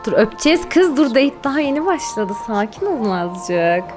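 Higher-voiced woman chatting through gameplay. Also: very animated, normal speed, music in the background. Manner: chatty and exclamatory, coos at her pets and chats to viewers. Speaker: gaming streamer. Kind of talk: casual live-stream gameplay chat.

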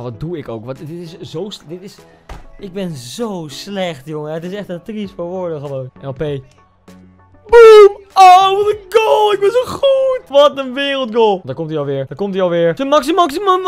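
A hoarse young man commenting on his own football video game, shouting and cheering at goals. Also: on the high side. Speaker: gaming video host. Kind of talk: excited gameplay commentary.

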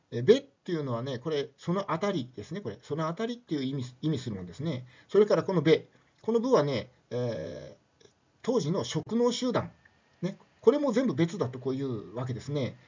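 A man's voice: fairly high pitch, warm tone, breathy edge, muffled recording. An older man giving a casual spoken lecture, chatty and loose, with many tag questions and fillers.

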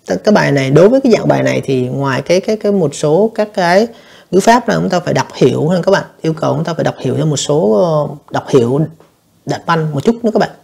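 A male teacher walks students through an exam review lesson. His voice is husky and a bit gravelly, and he speaks fast. He keeps explaining and turning to his listeners as he goes. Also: on the high side, expressive, a little mellow. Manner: explanatory, addresses students repeatedly, frequent fillers. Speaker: English teacher.

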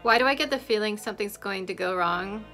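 A woman in her thirties hosts a casual reaction to a TV episode, commenting as she watches, her medium-pitched voice fast and sharp. Faint music from the episode's soundtrack plays behind her.

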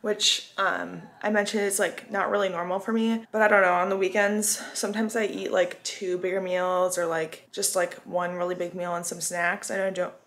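A woman's voice: lowish voice, level tone, moderate pace, few pauses, a bit bright. Chatty young woman vlogging at home. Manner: chatty, rambling, lots of "like" and "um". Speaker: lifestyle vlogger. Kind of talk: casual vlog chat. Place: home kitchen and bathroom. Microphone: on-camera mic.

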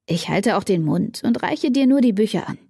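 A woman's voice: mid-range voice, animated, normal speed, gravelly, warm tone, husky, no echo, studio quality. Woman voicing a smug teasing teenage boy.

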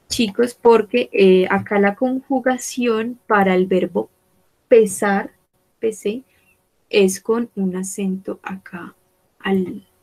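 Slow, careful French teacher woman. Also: mid-range voice, creaky, a little mellow, breathy edge. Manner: slow, careful, repeating words for students. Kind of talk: bilingual online class, French and Spanish.

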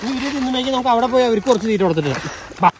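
Man, casual vlog sidekick, rattles off words very fast, noisy outdoor recording. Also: very high voice, expressive, some chatter behind. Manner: rapid, explaining as he goes. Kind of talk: casual family vlog chat. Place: outdoors by a fish pond.

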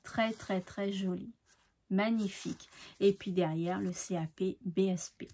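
Slow, admiring French-speaking crafter woman. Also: mid-range voice, steady tone, breathy edge. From France. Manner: slow, effusive, admiring, drops softly to near-whispers. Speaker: craft channel host. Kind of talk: casual mail-opening show-and-tell.

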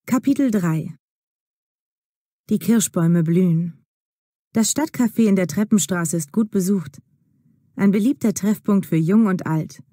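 Mellow, clear woman narrator. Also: mid-range voice, no echo, studio quality. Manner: slow, clear, deliberate reading. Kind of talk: scripted narration of an audio story for learners.

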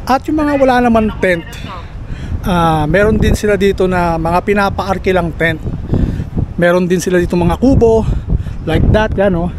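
A man in his thirties with a Filipino accent, chatting relaxed on a casual camping vlog tour, filmed at arm's length outdoors. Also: sits high, normal speed. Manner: relaxed, chatty, points things out while walking. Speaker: camping vlogger. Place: outdoors on a shady beach campsite, later inside a tent. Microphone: handheld camera at arm's length. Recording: clear wind noise on the mic.

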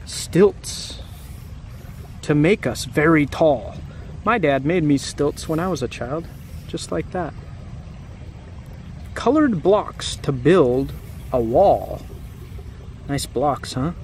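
His voice is a little high yet darkish in tone, animated, and unhurried, with long pauses. A man in his thirties, he reads a picture book to kids in a grassy, wooded yard, using simple words, chatty asides, and questions. Background noise comes through the outdoor camera audio.

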